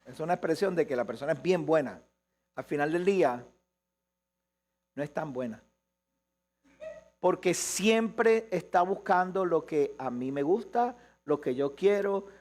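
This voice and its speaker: Casting: male pastor, high voice, live sermon, quick asides then slow emphasis. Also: darkish tone. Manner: questions the congregation, shifts between quick asides and slow emphasis.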